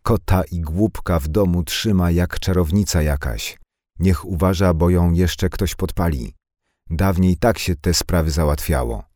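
A man voicing a spiteful, loud village shopkeeper woman in an audiobook, with a shrill, scolding, drawn-out delivery. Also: animated, no room sound, studio quality, exaggerated voice. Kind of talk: audiobook character voice.

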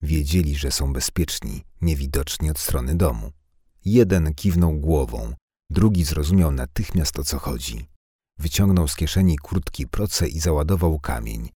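A man reading a novel aloud as narrator, in steady, even storytelling. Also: extremely low pitch, normal speed, slightly rough, no echo, studio quality. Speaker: audiobook narrator. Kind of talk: scripted narration.

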